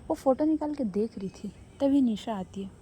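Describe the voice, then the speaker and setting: Lady telling a story casually, chatty, fixes herself mid-line, dark mellow tone, bit high. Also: lively intonation, normal speed, a little hiss or hum. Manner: chatty, self-correcting. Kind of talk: casual spoken story narration.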